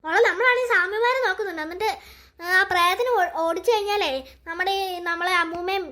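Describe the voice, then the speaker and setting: A woman's voice: very high voice, fast, sharp tone. A woman doing a worried cartoon mother. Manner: soothing, anxious.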